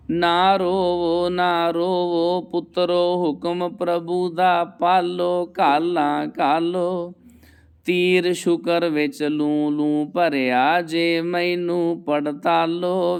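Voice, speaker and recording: A man's voice: high-pitched, smooth. A man, a Sikh preacher, chanting devotional verse and drawing out every line, with short plain-spoken explanations between the verses. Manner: draws out each verse line, then briefly explains in quicker plain speech.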